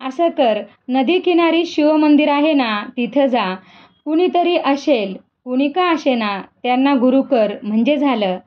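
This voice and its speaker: A woman voicing a gentle male deity who speaks kindly and teases. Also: high-pitched, a little slow, highs cut off. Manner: kindly, teasing.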